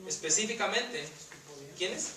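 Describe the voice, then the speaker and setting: A man's voice: sits high, lively intonation, slow pace, sharp tone, far from the mic. A man preaching a sermon in a church, emphatic, sometimes dropping to a near whisper on key words. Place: church hall. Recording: echoey church room from off-mic.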